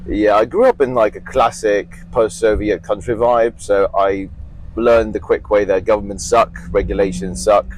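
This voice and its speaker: A man's voice: on the low side, fairly even intonation, moderate pace, poor audio. Blunt, profane young man from Eastern Europe. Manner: blunt, profane, self-mocking. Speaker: guest. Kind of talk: casual interview chat.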